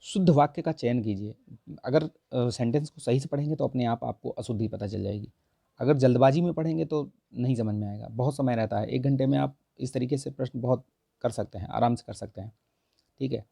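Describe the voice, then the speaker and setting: A hoarse man works through exam answers in a Hindi grammar lesson, checking each option and dropping in "okay" after nearly every line. His voice is dark and gravelly from a sore throat. It is recorded close and dry, with no room sound. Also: mid-range voice, brisk, no echo. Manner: repeats "theek hai" constantly, corrects answers with mild humor. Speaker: exam prep teacher.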